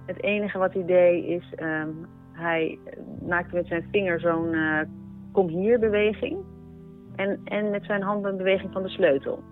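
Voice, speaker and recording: A woman telling a personal experience in a conversational way, halting, with many pauses, fillers and restarts. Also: fairly low pitch. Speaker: storyteller recounting a personal experience. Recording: narrow phone-like sound with faint music behind.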